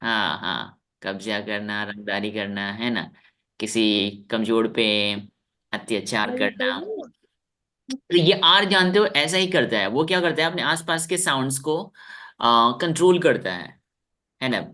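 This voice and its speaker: Man, Indian accent, English teacher, video call, bright voice, stern, drills each word three times. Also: lowish voice, measured pace. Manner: stern with students. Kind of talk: online class lesson.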